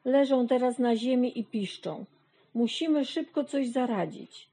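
A woman's voice: a little high, measured pace, warm tone, slightly rough. A woman voicing an anxious, fussy hen raising the alarm in a storybook reading.

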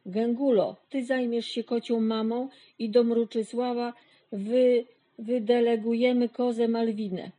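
A woman's voice: a little high, flat delivery, a little slow, warm tone, rough recording. A woman voicing an eager, friendly young male dog who leads the farm animals in a storybook reading. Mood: eager, bossy.

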